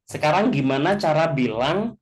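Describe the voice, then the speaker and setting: A man with a slightly raised pitch teaches in an easygoing, chatty way. He slows right down to spell out example words and keeps checking that his listeners follow. Light chuckles slip into his explanations. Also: lively intonation, a little hiss or hum. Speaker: language teacher. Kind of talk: casual explanatory class talk.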